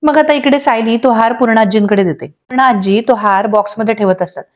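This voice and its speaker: A woman's voice: fairly high pitch, a little fast, lo-fi sound. A woman narrating a recap of a TV serial episode, reading the characters' lines aloud as she tells the story. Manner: steady storytelling, reads dialogue aloud. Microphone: voice-over.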